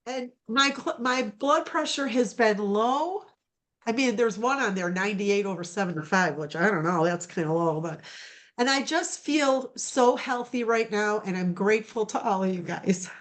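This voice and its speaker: A woman's voice: mid-range voice, moderate pace. A woman giving a casual personal testimonial over a video call, rambling with many fillers and restarts. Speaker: program client giving a testimonial.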